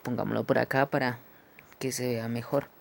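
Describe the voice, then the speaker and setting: A man teaching English phonetics, who explains each symbol slowly and keeps checking with "¿sí?". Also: medium pitch, level tone, creaky, a little hiss or hum. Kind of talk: phonetics lesson.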